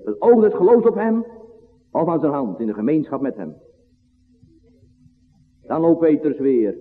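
A man preaching a sermon, his delivery swinging from loud to hushed in an old-fashioned cadence. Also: fairly high pitch. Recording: phone-like line in a long-reverb church.

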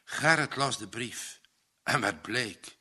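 A man reading a story aloud, narrating slowly and deliberately. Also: medium pitch, animated, pushed and bright, husky. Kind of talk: audiobook narration.

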